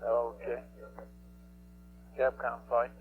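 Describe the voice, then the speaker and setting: A man's voice: medium pitch, completely flat delivery, extremely slow, slight background noise. A man speaking as a flight director over a radio loop, questioning and giving directions to his team. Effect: mission control radio loop. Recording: tinny, humming 1960s radio loop.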